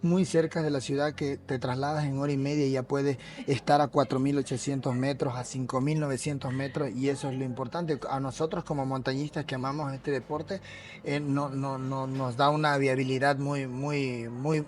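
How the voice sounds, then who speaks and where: A man with a coastal Ecuadorian accent, a mountaineer and police officer, telling his story in an earnest, halting way during a café interview. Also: medium pitch, fairly even intonation, a little hiss or hum. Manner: earnest, repeats words while searching for them. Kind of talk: casual interview.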